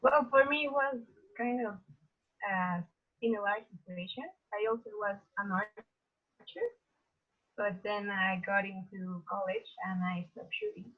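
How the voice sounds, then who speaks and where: A woman's voice: medium pitch, fairly even intonation, measured pace. A woman from Mexico, a guest on a video call, speaking hesitantly with fillers. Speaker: guest, international judge. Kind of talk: casual chat. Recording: tinny phone-like call audio.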